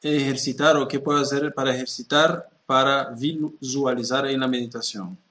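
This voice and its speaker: A man's voice: medium pitch, fairly even intonation, moderate pace, fairly bright tone. A man relaying a question from the audience, hesitant and restarting his sentences.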